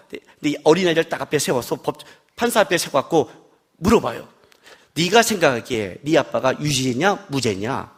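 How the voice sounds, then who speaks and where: Animated pastor, high lively voice. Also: male voice. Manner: animated storytelling, acting out his wife's replies. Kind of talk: expository sermon. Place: worship service hall.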